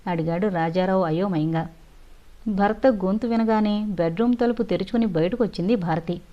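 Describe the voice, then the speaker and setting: A woman reading a suspense audio novel in a steady storytelling voice. The recording is dull and lo-fi. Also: mid-range voice, moderate pace. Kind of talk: scripted narration.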